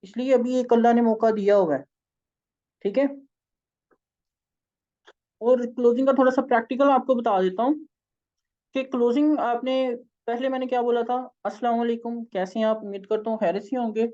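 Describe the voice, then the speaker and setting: Hoarse, tired Pakistani man coaching sales. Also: very high-pitched, fairly even intonation, moderate pace, long pauses, dark tone, dull audio. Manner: informal, coaxing, keeps saying "okay". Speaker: sales trainer and company founder. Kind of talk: online sales training session.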